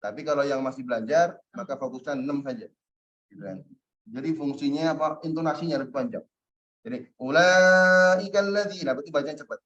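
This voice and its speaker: A man's voice: medium pitch, fast, darkish tone. A man teaching an Arabic class, explaining step by step and checking in with his students, with an occasional chuckle. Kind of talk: online class lesson. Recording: roomy, muffled lo-fi sound.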